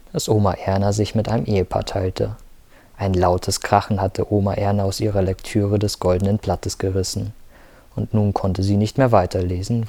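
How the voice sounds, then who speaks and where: A man reading a novel aloud as narrator, in a steady, measured storytelling manner on a close mic. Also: sits low, no echo. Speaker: audiobook narrator. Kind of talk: scripted narration.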